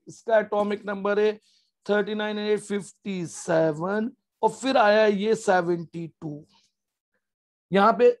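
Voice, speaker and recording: A male chemistry teacher giving a classroom lesson, chanting and singing memory jingles and drawing the words out slowly between quick explanations. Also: high-pitched, darkish tone.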